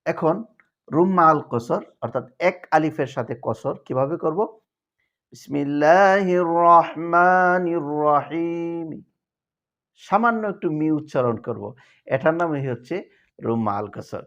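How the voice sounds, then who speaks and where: A man teaching Quran recitation rules in a televised lesson, explaining step by step and chanting verses slowly as examples. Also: fairly high pitch, expressive, a bit bright, lo-fi sound.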